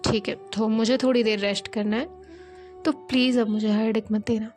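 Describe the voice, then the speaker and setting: A stern young businesswoman speaks in short, firm sentences, read by a female storyteller. Her voice sits a little high, with soft music playing behind her in a storybook audio. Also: steady tone, moderate pace, close to an everyday voice. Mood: curt. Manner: curt, clipped, firm.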